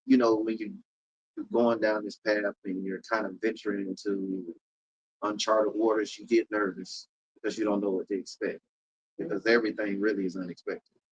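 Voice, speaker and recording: The recording is low quality, carrying a lowish, slightly rough male voice at a moderate pace. He's a comedian and event host from Polk County, Florida, giving a casual interview with animated, emphatic storytelling and repeated riffs.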